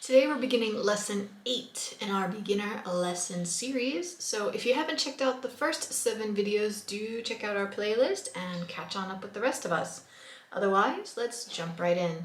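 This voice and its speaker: A woman's voice: mid-range voice, expressive, very slow, echoey room. A woman teaching a language lesson online, patiently repeating words for learners.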